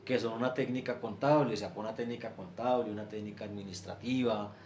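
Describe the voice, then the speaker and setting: A man's voice: fairly low pitch, fairly quick, a little mellow. A man lectures his students, circling through examples step by step. His voice sits in a reverberant room. A faint ambient hiss runs underneath. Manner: explains step by step with many filler examples. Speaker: teacher. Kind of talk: screen-share class lecture.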